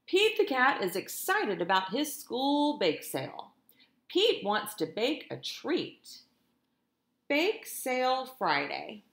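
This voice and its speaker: An animated woman with a high-sitting voice reads a picture book slowly to young children in an echoey room at home. She's expressive and deliberate, talking to her little listeners directly.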